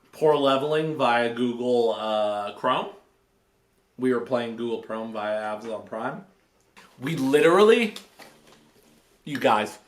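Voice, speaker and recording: A man's voice: medium pitch, a bit bright. A man giving a rambling, comedic film review to camera, sounding drunk and repeating himself. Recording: echoey room.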